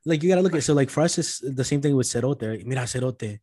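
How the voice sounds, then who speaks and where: A man's voice: on the high side, rapid-fire, warm tone, no echo, clean studio sound. A man in a casual chat, laid-back, explaining things with everyday examples.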